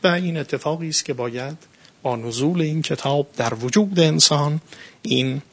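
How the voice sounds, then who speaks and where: A middle-aged man teaches in a religious lecture, his voice sitting a little high. He speaks earnestly and emphatically, now and then rising sharply and drawing out key phrases slowly. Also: slightly rough. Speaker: Quran lecturer.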